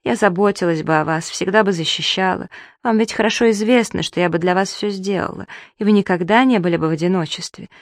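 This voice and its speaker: A woman's voice: medium pitch, quick pace, no echo, studio quality, pitched above the performer's own voice, close to an everyday voice. A reader voicing a proud, distraught young woman who begs and argues with feeling, in an audiobook. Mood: pleading. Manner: pleading, emotional reading.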